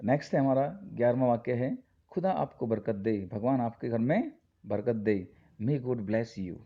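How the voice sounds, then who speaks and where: A man's voice: mid-range voice, lively intonation, a little slow. A man teaching spoken English in Hindi, reading phrases aloud and repeating each English line for his students. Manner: reads sentence pairs aloud and repeats the English with a quiz-like "क्या बोलेंगे?". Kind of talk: Hindi-medium English lesson. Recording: dull lo-fi recording.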